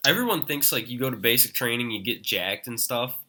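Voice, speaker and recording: A man in his twenties, a podcast guest talking in a relaxed, casual way, often laughing and calling his friend "man" and "dude". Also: mid-range voice, fairly quick. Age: 20s. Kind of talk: casual chat.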